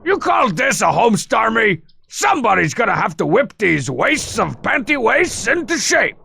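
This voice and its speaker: Very gravelly, blustery cartoon villain. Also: male voice, high voice, big pitch swings, moderate pace, pushed and bright, full character voice. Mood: barking, belligerent. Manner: pompous, barking, scornful. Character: scheming, blustery little cartoon villain turned tyrant, male. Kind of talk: cartoon game acting.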